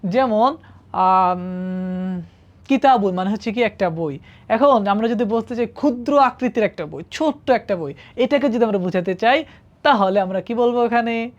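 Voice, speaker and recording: A woman's voice: medium pitch, animated, moderate pace, highs cut off. A woman teaching Arabic grammar to students in a classroom-style lesson, patiently asking them questions and checking that they follow. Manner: patient, asks the class questions and often checks with "ঠিক আছে?".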